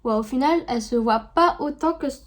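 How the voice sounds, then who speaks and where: A woman, chatting casually through a makeup tutorial with lots of fillers, dropping to a soft murmur while she works. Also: sits high, brisk. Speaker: beauty vlogger.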